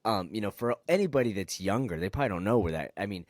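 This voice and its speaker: A man's voice: on the low side, lively intonation, fast, darkish tone, no echo, studio quality. A man in his thirties hosting a casual interview, talking in an enthusiastic, conversational way. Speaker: podcast host.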